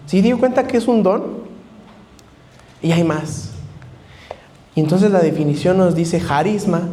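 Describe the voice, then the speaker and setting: A man with a high voice preaching a sermon. He explains word meanings slowly, like a teacher, and keeps turning to his listeners with direct questions. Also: mellow, slight background noise. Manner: teaching, asks the congregation questions and spells out Greek terms.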